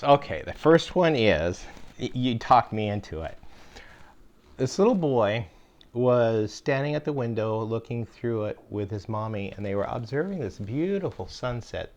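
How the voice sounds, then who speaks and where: A man's voice: on the low side, a little mellow, muffled recording. An older man and homestead channel host telling jokes from his caregiving days in a folksy, rambling way, full of fillers. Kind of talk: casual storytelling.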